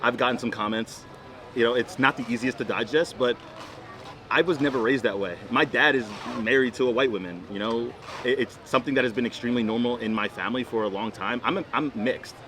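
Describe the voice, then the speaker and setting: A man's voice: mid-range voice, fairly quick, fairly bright tone. Emphatic young man chatting casually. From Florida, United States. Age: 20s. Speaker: boyfriend in couples Q&A vlog. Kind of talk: casual couples chat.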